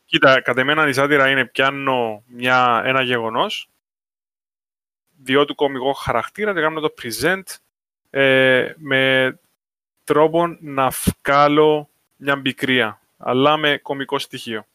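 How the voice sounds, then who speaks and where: Bright, forceful Cypriot man. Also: medium pitch, clean tone, no room sound. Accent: Cypriot Greek. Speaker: podcast co-host. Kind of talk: casual discussion.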